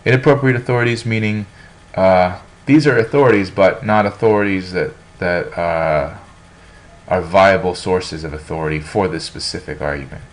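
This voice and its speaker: Low-voiced casual male lecturer. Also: normal speed. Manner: casual, rambling, frequent fillers and restarts. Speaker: teacher. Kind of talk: informal classroom lecture.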